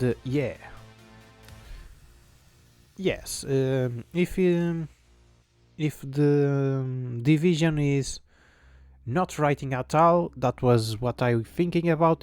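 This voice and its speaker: Medium in pitch and a little mellow, the voice belongs to a man who isn't a native English speaker. He's live-streaming as he codes a game, casually muttering his reasoning out loud with frequent fillers.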